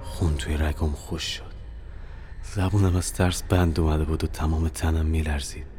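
A man's voice: a bass voice, fairly even intonation. A young man narrating his own horror audio novel in the first person, with dramatic, tense storytelling. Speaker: narrator and author.

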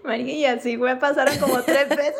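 A woman with a coastal Colombian accent from Barranquilla tells stories on a podcast, slightly high-pitched. She slips into playful voices for the people she describes, keeping things lively and casual. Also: a little fast. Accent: Colombian Caribbean coast (Barranquilla). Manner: animated, acts out voices of people in her stories. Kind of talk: casual podcast chat, storytelling.

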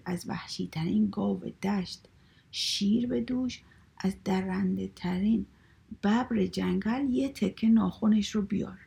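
Calm wise elder, voiced by a woman in a kids' storybook; husky and gravelly. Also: medium pitch, full character voice. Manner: measured, setting tasks. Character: wise old man, calm and thoughtful. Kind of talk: children's story reading.

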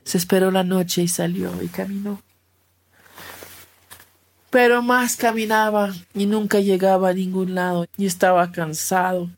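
A woman telling a children's animal story slowly and expressively, repeating words for effect. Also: medium pitch, steady tone.

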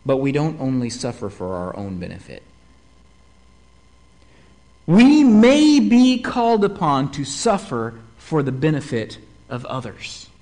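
A man preaching a sermon, animated and fond of asking his listeners rhetorical questions. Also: mid-range voice, a little slow.

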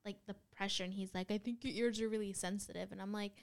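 A woman's voice: mid-range voice, steady tone, quick pace, vocal fry, smooth. A woman guest on a podcast, talking casually in a rambling way full of fillers.

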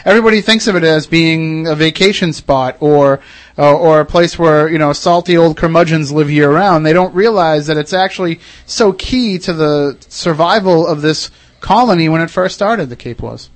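A man's voice: fairly high pitch, normal speed, dry recording. A man from Massachusetts hosting a casual radio interview, talking in a conversational, enthusiastic way. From Wareham, Massachusetts. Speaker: radio host.

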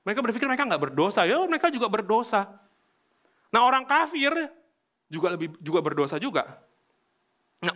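A young man preaching a casual sermon to a youth service, animated, swinging from loud to hushed. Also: high-pitched.

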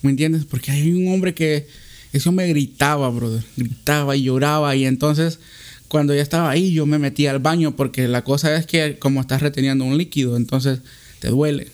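Casual storyteller, a man with a slightly high voice, lively and chatty. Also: moderate pace. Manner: animated, says brother often.

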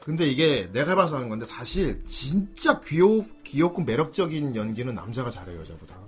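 Man, host, teasing, comedic casual chat, lively pitch, music under the talk. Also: fairly quick. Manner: teasing, animated, breaks into laughter. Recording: music playing behind.

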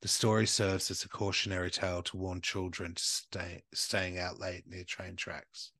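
A man's voice: low-pitched, level tone, normal speed, no room sound. A man co-hosting a casual podcast, reading out an urban legend and breaking into crude jokes. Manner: reads notes then jokes loudly, crude banter. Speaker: podcast co-host.

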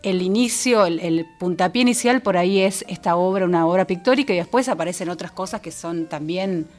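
A woman's voice: lowish voice, a little fast, a little mellow, faint music behind. A woman singer-songwriter with a Rioplatense Spanish accent, talking through her songs in a casual interview, thoughtful and full of small restarts. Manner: reflective, with frequent fillers and restarts.

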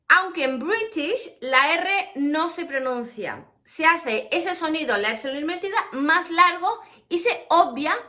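Bright-voiced teacher drilling English sounds. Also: female voice, sits high. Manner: explains with many examples, then models English words slowly. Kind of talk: pronunciation lesson.

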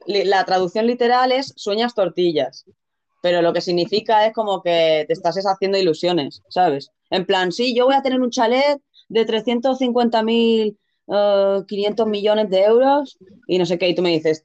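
A woman's voice: medium pitch, moderate pace, a little mellow, dull audio. A woman, casually explaining local expressions and laughing often. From Mallorca. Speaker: teacher of Mallorcan expressions. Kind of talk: casual chat.

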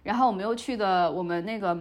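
A woman's voice: mid-range voice, fast. A young woman, a podcast host, telling a story in casual chat and acting out the dialogue as she goes. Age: young adult. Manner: lively retelling, playing out the dialogue.

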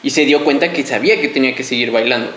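A man's voice: mid-range voice, very fast, fairly bright tone. Hesitant man in an echoey room. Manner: hesitant, repeats words while thinking. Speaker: podcast co-host. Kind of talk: casual group chat.

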